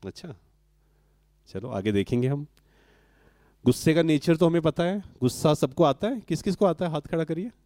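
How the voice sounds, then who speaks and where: A man speaks to a live audience, posing questions and then answering them himself. His voice is mellow, and it sits close and dry on the mic, with little room sound. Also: on the high side, expressive, normal speed, pauses often, no room sound. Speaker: spiritual speaker addressing an audience. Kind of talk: interactive talk to a live audience.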